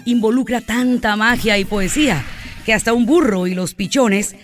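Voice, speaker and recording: A woman's voice: a little high, moderate pace, soft background music. A woman, reading scripted feature narration as a reporter.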